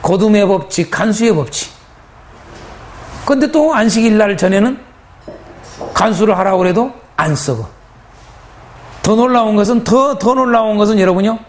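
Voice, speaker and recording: Male pastor, lively high-pitched sermon delivery, repetitive and emphatic. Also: moderate pace, long pauses. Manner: emphatic, repetitive preaching with rhetorical questions.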